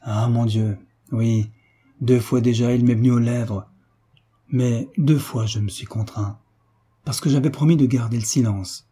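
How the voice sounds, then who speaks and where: A man's voice: medium pitch, steady tone, measured pace, warm tone, husky. A man voicing a joyful older sailor, a veteran uncle who speaks in hearty exclamations.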